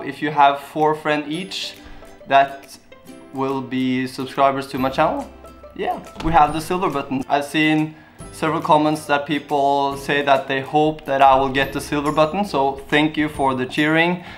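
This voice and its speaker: At a measured pace and with soft music behind him, a young man from Norway speaks in a fairly high voice with a Norwegian accent. The YouTube vlogger answers viewer questions to camera casually and earnestly, rambling along in simple language.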